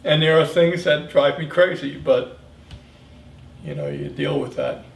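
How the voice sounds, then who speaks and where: A man in his seventies, a military veteran, reminiscing in an interview in a halting, reflective way. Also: fairly high pitch, fairly even intonation, vocal fry. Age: 70s. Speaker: Vietnam veteran being interviewed. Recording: echoey room, distant mic, faint noise.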